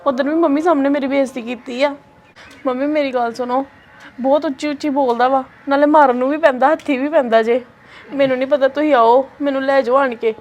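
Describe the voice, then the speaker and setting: A woman's voice: sits high, fairly even intonation, a little fast, a little mellow, lightly acted. An actress playing a fed-up young wife who complains indignantly about her husband. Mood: pleading. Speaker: actress in a family skit.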